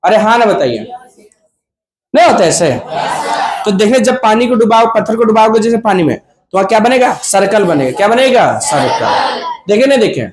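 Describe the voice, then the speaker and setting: This physics lecturer has a high voice with lively intonation and talks at a normal speed. He quizzes the class, supplies the answers himself and jokes around, all in an echoey room full of students that leaves noise in the background.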